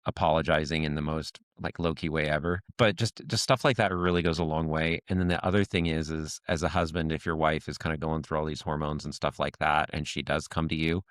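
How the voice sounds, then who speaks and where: A man with a very low voice co-hosts a podcast in loose, casual talk. He rambles through lots of "like" and "you know" and slips into little acted-out quotes. The sound is close and dry, with no room around it. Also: steady tone, fairly quick, few pauses, fairly bright tone, clear, resonant tone, dry recording. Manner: acts out little quoted lines. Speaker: podcast co-host. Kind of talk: casual conversation.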